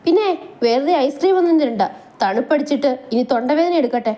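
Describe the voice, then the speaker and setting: A bossy young husband who teases his wife, from a romantic family storybook, read by a woman. The voice is mellow and sits fairly high. He scolds playfully. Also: expressive, brisk. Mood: teasing. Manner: teasing, scolding.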